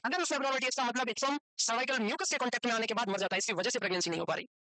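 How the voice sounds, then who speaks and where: Man lecturing in a classroom, high bright voice, dry close sound, quizzes the class, jokes around. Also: dry recording, poor audio. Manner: quizzes students with quick questions and answers them himself; chatty and joking. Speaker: teacher of a medical exam course. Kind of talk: lecture to a class, mixed with casual chat. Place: classroom with students present and online.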